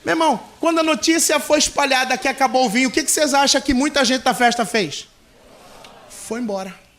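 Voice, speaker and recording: A man preaching a sermon as a pastor, with a Brazilian Portuguese accent, telling a story in a lively way and acting out the people in it. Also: very high-pitched, a little fast.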